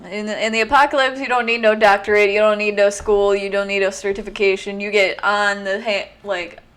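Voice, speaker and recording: A woman's voice: medium pitch, level tone, fairly quick, a bit bright, clean tone. Chatty woman streamer. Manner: casual, chatty, laughs often. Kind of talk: reading a story game aloud with commentary.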